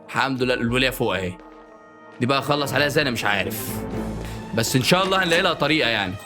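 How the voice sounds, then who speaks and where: An excitable man with an Egyptian accent rattles off quick, jokey let's-play commentary at a mid-range pitch. He keeps breaking into frantic repeated shouts, with game music clearly playing underneath. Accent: Egyptian Arabic. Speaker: gaming YouTuber.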